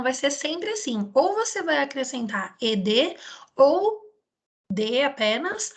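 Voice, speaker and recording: A woman's voice: high-pitched, bright, forceful tone. A woman with a Brazilian Portuguese accent teaching a recorded video lesson, explaining step by step and often checking in with her students. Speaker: English teacher.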